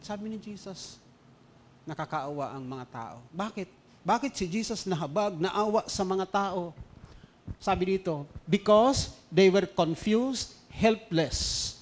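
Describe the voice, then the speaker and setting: A pastor with a Filipino accent delivers a sermon in a high, light voice. He moves between loud, stressed phrases and quiet, hushed storytelling. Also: expressive, slow pace. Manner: mixes English into preaching, dynamic swings between loud emphasis and quiet storytelling.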